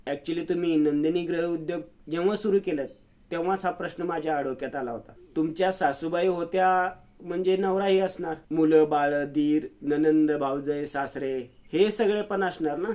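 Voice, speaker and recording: A man's voice: fairly high pitch, normal speed, a little mellow, natural voice. A man voicing an insistent young woman. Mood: probing. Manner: urgent, pleading questions.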